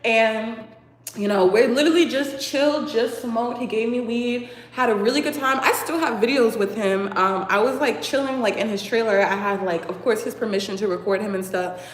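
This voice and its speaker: A young woman from Boston tells a story in a chatty, animated way, filling her sentences with likes and ums. Her voice sits slightly high for a woman. The room around her is echoey, with a long, trailing reverb. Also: normal speed. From Boston, USA. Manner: chatty and animated, many fillers and laughs. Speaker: vlogger. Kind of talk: casual storytime.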